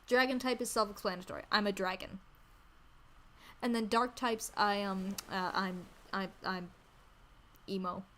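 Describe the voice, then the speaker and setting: A woman chatting casually on a livestream in a cute anime-streamer manner, gushing and excitable, repeating phrases for emphasis. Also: mid-range voice, a little slow, pauses often, a little hiss or hum. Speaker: VTuber streamer introducing themself. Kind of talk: casual livestream chat about games.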